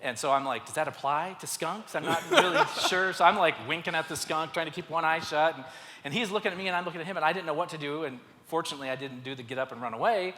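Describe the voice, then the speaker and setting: A man's voice: a little high, fast. Man telling stories in a reverberant hall. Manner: animated, self-mocking storyteller. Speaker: speaker at a men's church event. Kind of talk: storytelling talk to a live audience. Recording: live hall with long reverb.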